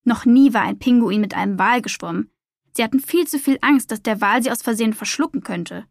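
A woman reading a children's story aloud in a gentle, expressive manner as a podcast storyteller. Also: a little high, fairly quick, vocal fry, no echo, studio quality.

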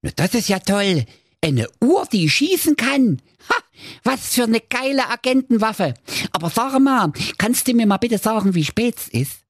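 Gernot, an excited squeaky dwarf agent. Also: male voice, unhurried, dry recording, clean studio sound, exaggerated voice. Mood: thrilled. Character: gullible male dwarf agent, small and excitable.

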